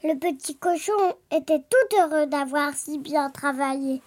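High-voiced woman reading a fairy tale. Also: a little slow. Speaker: storyteller.

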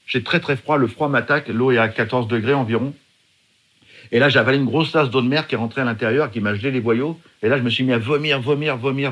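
A middle-aged man from France, telling his own story as a guest with vivid, emphatic delivery. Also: mid-range voice. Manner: vivid, emphatic, acts out shouted quotes. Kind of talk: dramatic personal storytelling.

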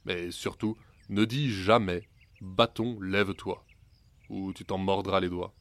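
A man's voice: deep voice, fairly even intonation, takes it slowly, fairly bright tone, no echo, full character voice. A man voicing a fond but exasperated male ogre who scolds and warns the boy sternly. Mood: stern warning.

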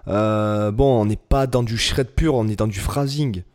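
Guy co-hosting a podcast, mellow warm voice, rambles and restarts a lot. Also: fairly low pitch, a little slow. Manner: rambling, many fillers and restarts. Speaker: podcast co-host, guitar teacher. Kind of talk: casual chat.

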